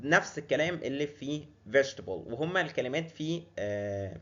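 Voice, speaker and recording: A man's voice: medium pitch, expressive, a bit bright, dull audio. Egyptian man teaching English pronunciation. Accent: Egyptian Arabic. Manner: repeats drilled words slowly, many fillers and restarts. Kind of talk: casual spoken lesson.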